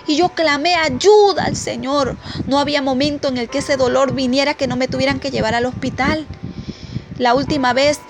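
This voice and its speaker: Female preacher, fervent testimony sermon, high voice, music bed underneath. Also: steady tone, moderate pace. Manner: fervent, addresses listeners as "amadas". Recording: music playing clearly behind.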